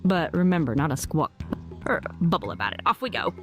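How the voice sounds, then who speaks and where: A woman's voice: low-pitched, sing-song, brisk, over music. A synthetic woman's voice playing a cheery young female cartoon fish, bubbly and full of sea puns. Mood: playful.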